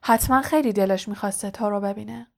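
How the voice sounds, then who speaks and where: A woman reading the lines of a wise, kindly old male headmaster in a storybook audiobook, in a calm, soft-spoken way. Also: medium pitch, vocal fry, close to an everyday voice. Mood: gentle, kindly.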